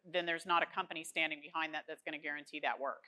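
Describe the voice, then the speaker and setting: Bright-voiced woman host summing up. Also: sits low, steady tone, fast, poor audio. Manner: reflective, summarizes and clarifies points. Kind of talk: casual panel discussion.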